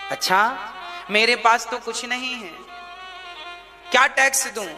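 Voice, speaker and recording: A man's voice: very high voice, slow pace, sharp tone, heavily acted. A male preacher voicing a grieving young queen mother who laments and pleads during a devotional story, recorded in a long-echoing hall with music behind. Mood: pleading.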